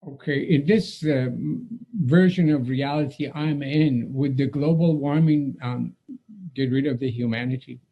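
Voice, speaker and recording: A man's voice: medium pitch, measured pace, vocal fry, muffled recording. A man from the audience asking questions hesitantly, searching for his words. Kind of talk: live question and answer.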